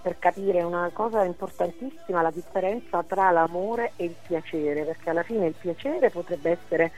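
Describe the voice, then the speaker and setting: A woman with a slightly hoarse, rather low voice chats over the phone as a radio guest. She jokes her way through her answers in a loose, talkative manner. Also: normal speed, a little mellow, faint music behind, rough recording. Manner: chatty, joking. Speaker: comedian guest.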